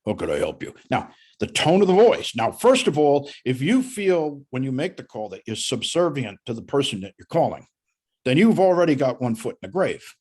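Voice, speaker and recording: A middle-aged man with a husky voice, coaching a student one-on-one on sales calls in a folksy, animated way. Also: medium pitch, normal speed. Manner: animated, folksy, uses analogies.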